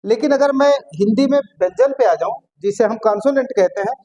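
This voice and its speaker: A man teaching a casual grammar lesson, who repeats words and drawn-out vowel sounds to show them, often checks whether listeners follow, and drops blunt, joking asides. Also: very high-pitched, warm tone, highs cut off. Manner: chatty asides with blunt colloquial humor.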